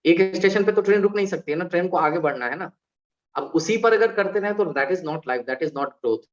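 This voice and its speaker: A man, an alumni guest on a panel, talking in an animated way and explaining with examples and rhetorical questions. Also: high voice, moderate pace. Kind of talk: conversational panel talk. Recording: dull lo-fi recording.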